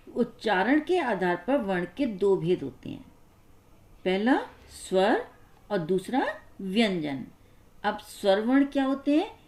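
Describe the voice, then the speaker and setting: Slow, patient woman teaching grammar. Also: mid-range voice, a little mellow. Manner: slow, explaining step by step with examples. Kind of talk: classroom grammar lesson.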